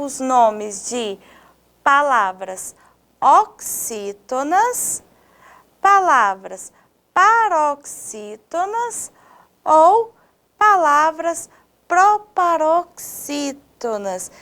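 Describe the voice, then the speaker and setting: A woman teacher with a Brazilian Portuguese accent giving a video lesson to her students, stressing her words clearly. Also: high-pitched, lively intonation, a bit bright. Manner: slow, clearly stressed didactic delivery addressing students.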